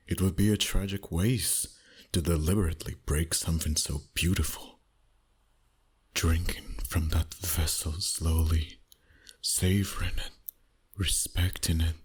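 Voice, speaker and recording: For an ASMR roleplay, a man performs a full character voice as a male vampire, very low and heavily breathy. Speaking slowly and deliberately to a single listener, he often drops toward a whisper. His tone is dominant, flirtatious and teasing.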